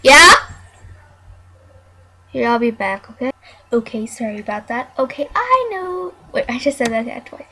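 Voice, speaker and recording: A woman's voice: fairly high pitch, very animated, measured pace, long pauses, sharp tone. A young woman chatting casually while playing a life simulation game, scolding her barking dog now and then, with keyboard clicks behind her. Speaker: gameplay narrator.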